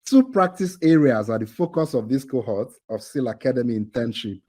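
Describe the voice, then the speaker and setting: A man's voice: medium pitch, animated, brisk, warm tone, low-quality recording. A man hosting a live online quiz for a training cohort over a video call, teasing the players and laughing often.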